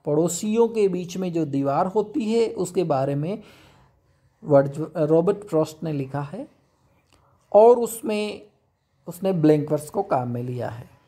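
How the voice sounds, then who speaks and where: A man teaching English poetry, explaining step by step and reading definitions slowly. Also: fairly high pitch, expressive, dark tone. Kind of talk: classroom lecture.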